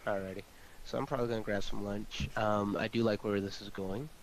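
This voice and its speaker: Here a man with a lowish voice speaks briskly and in a steady tone, casually chatting in a slangy, rambling, repetitive manner. He produces amateur audio dramas, and the home mic recording is noisy and full of hiss.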